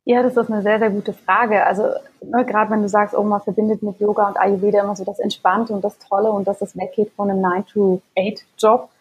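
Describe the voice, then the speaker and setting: Husky-voiced woman from Germany. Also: medium pitch, level tone, a little fast, few pauses, poor audio. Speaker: podcast guest, physician and health coach. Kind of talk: conversational interview.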